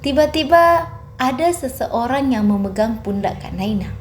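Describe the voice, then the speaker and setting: A woman's voice: high-pitched, lively intonation, normal speed, a little hiss or hum. A woman narrating a horror story steadily and dramatically.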